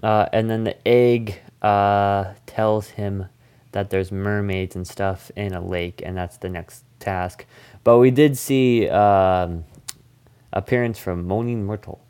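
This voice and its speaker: A man's voice: lowish voice, steady tone, slow pace, a little mellow, clear, resonant tone. A man hosting a casual movie review podcast, recapping the plot in a goofy, rambling way. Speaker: podcast host.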